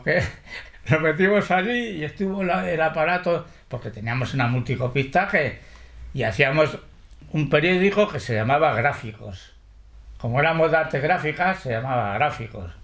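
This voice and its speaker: An older man from Spain, interviewed about his past, telling lively stories full of salty slang and quoting others as he goes. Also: mid-range voice. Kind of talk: oral history interview.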